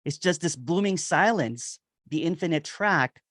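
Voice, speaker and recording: A man giving a meditative spiritual reflection on nonduality, repeating phrases and chuckling softly now and then. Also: on the high side, animated, unhurried, no echo, clean studio sound. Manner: meditative, repetitive, with soft chuckles. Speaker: nonduality speaker. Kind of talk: slow spoken spiritual reflection.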